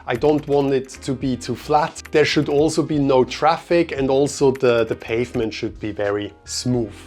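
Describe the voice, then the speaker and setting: A man's voice: mid-range voice, normal speed. Chatty Swiss-raised young man vlogging. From Switzerland. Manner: relaxed, chatty, with many fillers. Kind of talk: casual storytelling vlog. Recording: faint music behind.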